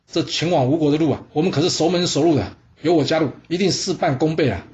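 A man's voice: on the high side, quick pace, darkish tone, close to an everyday voice. A man voices a fawning vassal ruler in a spoken history story, sweet-talking a king in a lifted, persuasive voice. The audio is slightly muffled. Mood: ingratiating. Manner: ingratiating, persuasive. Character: flattering male vassal ruler, eager to please.

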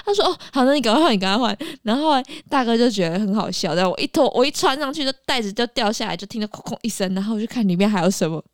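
A woman's voice: fairly high pitch, animated, very fast, few pauses, no echo, clean studio sound. A woman co-hosts a casual podcast. She tells chatty stories, giggles and acts out what people said. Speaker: podcast co-host and bus conductor.

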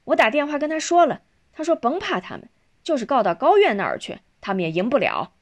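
A woman's voice: high-pitched, sing-song, fast, voice pushed up. A woman voicing an assertive, outspoken grown daughter in a spoken storybook. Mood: confident. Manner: outspoken, insistent.

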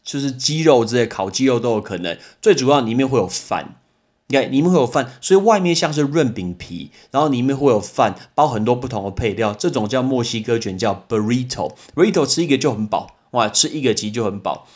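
A man's voice: medium pitch, expressive, fairly quick. A young man hosts a casual English vocabulary lesson, chatting and explaining with everyday examples. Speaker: podcast host and English teacher.

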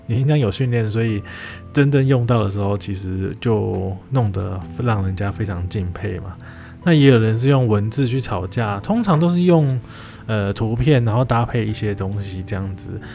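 A man giving relaxed, casual commentary, with lots of fillers and restarts. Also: lowish voice, creaky.

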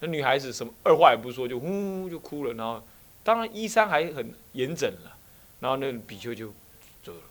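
A man's voice: medium pitch, a little fast. A man with a Taiwanese Mandarin accent, a Buddhist abbot giving a dharma talk full of stories and rhetorical questions. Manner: animated storyteller, frequent rhetorical questions.

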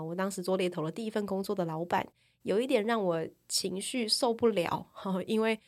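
Candid woman podcaster. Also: fairly low pitch. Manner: candid and reflective, tags sentences with a trailing "这样". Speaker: podcast speaker. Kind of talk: personal storytelling podcast talk.

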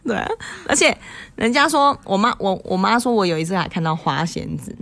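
Woman in her thirties, from Taiwan, lively up-and-down voice, casual storytelling, podcast co-host. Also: medium pitch, brisk, gravelly. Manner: animated storyteller acting out quoted voices, laughs often. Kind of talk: casual chat telling ghost stories.

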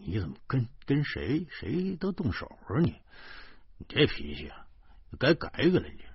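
A resigned middle-aged man chides with a bitter smile, as a male narrator acts him out. The voice is husky and dry, rising and falling freely. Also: medium pitch, huge pitch swings, normal speed, dry recording, highs cut off, pitched above the performer's own voice, heavily acted. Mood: wry. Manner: chiding, resigned.

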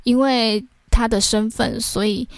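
A woman's voice: on the high side, steady tone, a little slow, no echo. A young woman with a Taiwanese Mandarin accent, hosting a podcast and telling a personal story in a chatty way, tagging her sentences with filler words. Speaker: podcast host.

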